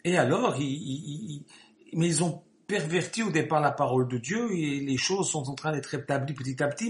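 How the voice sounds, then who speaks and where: A man delivers a sermon in a talky, rambling way, repeating his points and then swelling into emphatic bursts. His voice sits a bit high for a man. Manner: conversational, repetitive asides, rising emphatic bursts. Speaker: preacher.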